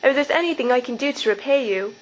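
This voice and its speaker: A woman's voice: high-pitched, animated, quick pace, poor audio. A woman playing an earnest, brainy alien woman. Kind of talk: campy radio-serial acting.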